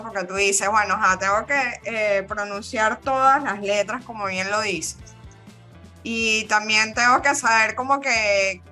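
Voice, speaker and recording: A woman's voice: a little high, bright, forceful tone. A woman hosting a podcast interview, chatty and encouraging, often giving short affirming sounds. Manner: chatty, encouraging, frequent backchannel. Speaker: podcast host.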